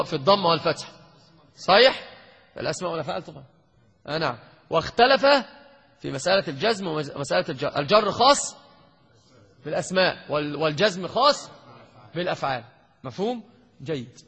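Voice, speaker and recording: A man gives a grammar lesson in a lecture hall, his voice bright and a little husky. He keeps quizzing the class and teasing the students. The recording is lo-fi, with a long reverb tail from the hall. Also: high voice. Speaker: sheikh teaching Arabic grammar.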